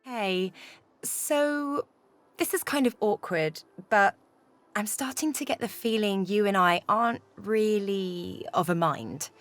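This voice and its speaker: A woman's voice: medium pitch, takes it slowly, fairly bright tone, faint music behind. A woman playing a breezy, informal young adventurer in a video game, casual and frank. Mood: awkward, uneasy.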